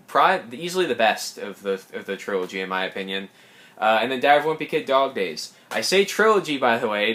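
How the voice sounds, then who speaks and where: A young man, slightly hoarse, chatting casually through his film collection with quick asides and self-corrections. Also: medium pitch, fairly bright tone, a little hiss or hum. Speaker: collector showing his films.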